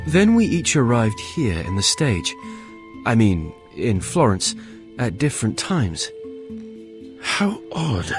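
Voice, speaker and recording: A man voicing a puzzled talking apple who ponders aloud and corrects himself in a game cutscene. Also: mid-range voice. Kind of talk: video game cutscene dub.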